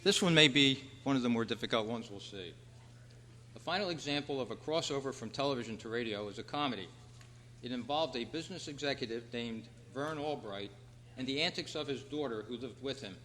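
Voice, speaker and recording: This quiz host at a club meeting speaks at medium pitch, a little fast, with a pushed, bright delivery as he mixes quiz questions and announcements for the room. The convention hall is echoey, with a long reverb tail.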